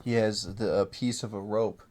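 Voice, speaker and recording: A man's voice: on the low side, steady tone, moderate pace, a little mellow. A man co-hosting a casual podcast, telling rambling stories full of fillers and swearing. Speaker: podcast co-host. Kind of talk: casual chat.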